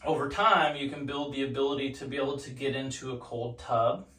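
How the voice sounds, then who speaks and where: A man's voice: mid-range voice, steady tone, fairly quick, pushed and bright, distant mic. Echoey man talking from an ice cold bath. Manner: speaking while sitting in ice cold water. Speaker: vlogger demonstrating ice baths. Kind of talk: casual instructional talk to camera. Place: home bathtub in a bathroom. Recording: echoey bathroom, off-mic, water noise.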